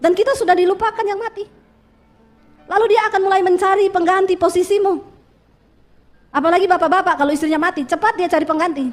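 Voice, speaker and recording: A woman's voice: extremely high pitch, fairly even intonation, quick pace, long pauses, soft background music. A woman pastor preaching a sermon, telling stories with quoted voices and asking the congregation questions.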